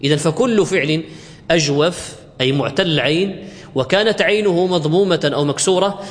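A fairly high-pitched man teaches grammar in a classroom lecture, working through each rule step by step. He stretches out the example words slowly and keeps asking his listeners whether it is clear. His voice carries a long echo, as in a large hall. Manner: drawn-out recitation of example words. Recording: reverberant hall.

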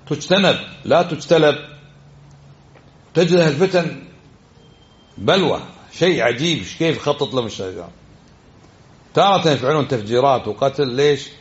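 A man's voice: a little high, lo-fi sound. A man giving a religious lesson, exhorting his listeners and often asking them questions. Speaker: religious teacher.

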